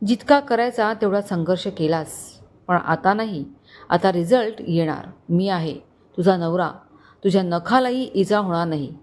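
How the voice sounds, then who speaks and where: A woman's voice: fairly low pitch, expressive, a little slow, a little hiss or hum. A woman playing a furious commanding husband. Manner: shouting, commanding, stony. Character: furious protective young husband.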